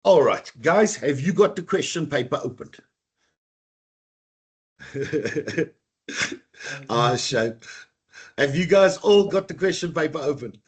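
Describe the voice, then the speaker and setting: A man teaching an online exam-prep class over a computer mic, chatty, with a rough, coughing throat and a habit of saying "guys". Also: a little high, lively intonation, slow, long pauses. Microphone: computer mic on a video call.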